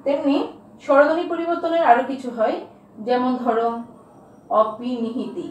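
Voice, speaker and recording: A woman with a high voice teaches a grammar lesson, asking her students questions and answering them herself. She repeats key terms slowly. The recording is very echoey, with the voice far from the microphone. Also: a little mellow, a little hiss or hum. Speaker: school teacher.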